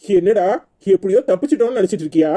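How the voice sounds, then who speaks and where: A woman's voice: medium pitch, expressive, rapid-fire, warm tone, natural voice. A woman voicing a teasing young husband. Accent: Tirunelveli Tamil.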